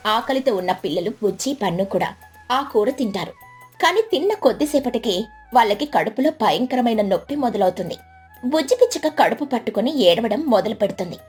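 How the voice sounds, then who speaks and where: A woman with a high, light voice narrates a cartoon story in a lively, expressive way. Faint music plays under her narration. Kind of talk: scripted narration.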